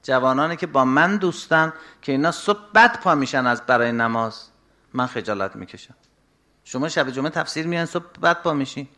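A middle-aged man preaching a religious sermon, moving between soft, confiding asides and raised, urgent exhortation. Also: mid-range voice.

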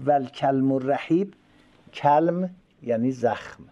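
A man giving a religious lecture. He recites Arabic phrases slowly, then explains them quickly and asks rhetorical questions. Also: medium pitch, dark tone, muffled recording. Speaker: preacher explaining a classical sermon text.

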